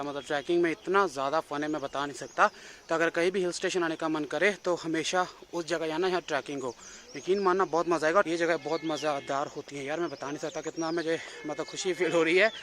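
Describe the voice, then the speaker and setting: A young man narrating a casual travel vlog outdoors, chatty and excited, with a sore throat. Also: fairly high pitch, slight background noise. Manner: chatty, excited, laughs often. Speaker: travel vlogger. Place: outdoors on a hill station trip.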